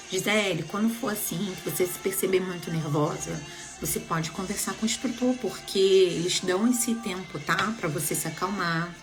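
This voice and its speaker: A young adult woman, casually telling viewers a personal story in an animated, expressive way. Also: fairly low pitch. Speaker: vlogger sharing a personal story.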